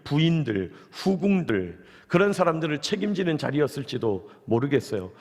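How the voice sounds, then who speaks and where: A man's voice: on the high side, big-room sound. A man preaching a dawn prayer sermon in a conversational way, often putting questions to the congregation. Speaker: pastor. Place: church sanctuary.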